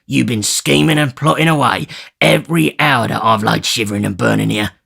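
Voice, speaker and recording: A man voicing a brutal, surly male housebreaker who growls his words gruffly and forcefully in a storybook reading. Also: medium pitch, normal speed, heavily acted. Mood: bitter. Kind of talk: audiobook character reading.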